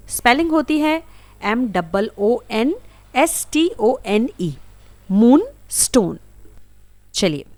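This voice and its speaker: A woman's voice: fairly high pitch, a little mellow, no echo. A woman teaching English vocabulary, saying each word, spelling it out letter by letter and repeating it. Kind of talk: slow explanatory vocabulary lesson.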